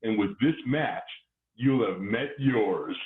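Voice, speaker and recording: Mustache-twirling melodrama villain, echoey phone-like sound. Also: male voice, on the low side, takes it slowly. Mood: gloating. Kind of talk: hammy stage melodrama acting. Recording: echoey, tinny phone-like online call.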